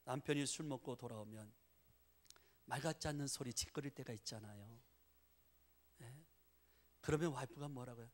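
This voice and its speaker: A middle-aged male pastor preaching a sermon in an animated way, often prompting the congregation with rhetorical questions. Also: mid-range voice, moderate pace, long pauses.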